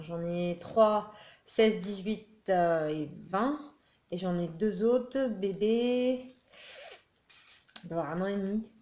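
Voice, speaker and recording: A beauty and haul vlogger from northern France chats casually in a haul video, rambling with plenty of fillers and sounding a bit groggy, having just woken early in the morning at home. Her voice is mid-range with a dark tone, and the echoey room carries faint noise.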